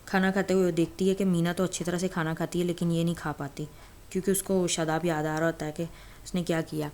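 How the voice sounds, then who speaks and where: Woman retelling a novel, chatty and loose, low voice that stays pretty flat. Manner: conversational, many fillers and restarts. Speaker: storyteller.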